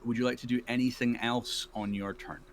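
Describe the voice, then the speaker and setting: A man narrating as the dungeon master of an online tabletop game, laughing easily and pausing with fillers as he describes the action. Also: mid-range voice, level tone, a little hiss or hum. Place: online voice call.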